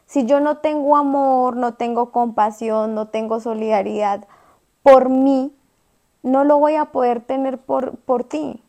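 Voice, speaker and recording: A woman co-hosting a casual podcast chat, speaking in a measured, reflective way. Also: high-pitched, warm tone. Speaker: podcast co-host.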